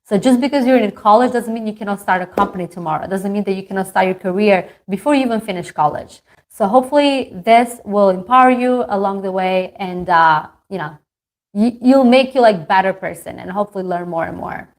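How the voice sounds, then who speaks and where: A woman's voice: mid-range voice, brisk. A woman gives a motivational talk on a video call. She speaks as a marketing coach and sounds chatty and earnest, with lots of fillers. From Albania. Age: 30s. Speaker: marketing coach and company founder. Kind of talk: motivational talk to an online group.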